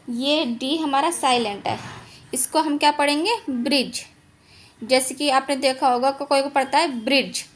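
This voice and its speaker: High-voiced woman teaching phonics. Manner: patient, repeats and quizzes herself. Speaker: English teacher. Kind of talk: online phonics lesson.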